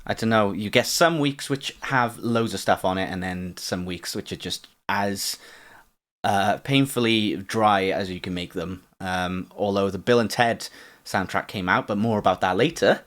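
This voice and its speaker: Dry-witted Welsh man, low voice. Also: normal speed, a bit bright. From Wales. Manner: dry, sardonic quips. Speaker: podcast co-host. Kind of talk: casual chat.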